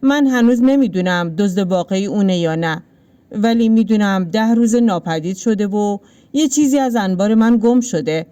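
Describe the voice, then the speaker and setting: A woman voicing a domineering village landlord in a read-aloud story, with curt, calm, menacing lines. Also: medium pitch, clean tone, close to an everyday voice. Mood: cold menace.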